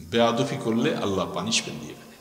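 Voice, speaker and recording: A man's voice: lowish voice, animated, fast, gravelly. A man with a Bangladeshi accent preaching a stern, admonishing Islamic sermon, putting rhetorical questions to his listeners. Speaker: Islamic preacher at a religious gathering. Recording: echoing PA sound with long reverb.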